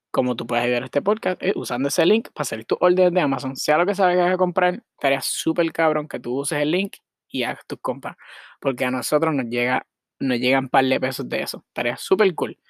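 A man's voice: mid-range voice, dry recording, studio quality. A young man from Puerto Rico with a Puerto Rican accent, hosting his solo podcast in a rambling, frank way, with English words mixed in. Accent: Puerto Rican Spanish. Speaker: podcast host. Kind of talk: casual solo podcast monologue.

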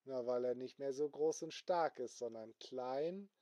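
A man telling an improvised bedtime story to children at a slow, gentle pace. His voice is dark and mellow, and he adds little sound effects as he goes. The recording is dry and close. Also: mid-range voice, no room sound, highs cut off.

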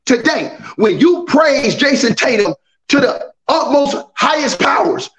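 A man in a heated sports debate, loudly opinionated and ribbing the others as he argues. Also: very high voice, sing-song, measured pace, rough recording. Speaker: sports panelist.

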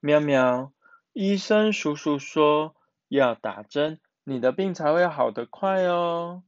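A man's voice: a little high, expressive, takes it slowly, no room sound, muffled recording. A man voicing a caring mother who coaxes her sick child in a soothing way. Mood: coaxing. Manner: soothing, coaxing. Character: gentle, caring young mother.

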